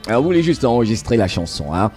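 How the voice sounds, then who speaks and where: A man's voice: mid-range voice, big pitch swings, quick pace, darkish tone, soft background music. A man hosting a radio talk show, speaking hesitantly with many fillers and repeated words.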